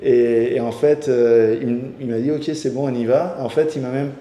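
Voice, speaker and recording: A man's voice: medium pitch, fairly even intonation, moderate pace, mellow. A man hosting a casual interview chat, talking enthusiastically with many restarts. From Iranian heritage. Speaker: host. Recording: echoey room with long reverb.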